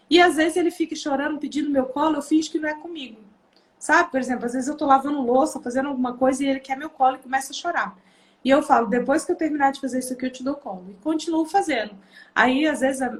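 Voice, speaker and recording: Animated Brazilian woman telling family stories. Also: high-pitched. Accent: Brazilian Portuguese. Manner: animated, acts out quoted voices of her children. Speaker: parenting video host. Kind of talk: casual storytelling to viewers.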